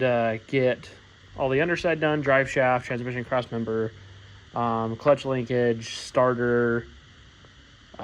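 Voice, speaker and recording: A man's voice: medium pitch, highs cut off. A man giving a casual, rambling update on fixing his car, with lots of fillers as he lists the jobs left. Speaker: vlogger working on his car.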